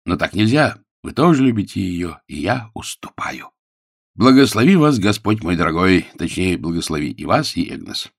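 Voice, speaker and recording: A man's voice: sits low, big pitch swings, normal speed, dry recording, clean studio sound, full character voice. A man doing an indignant young golfer. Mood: fervent.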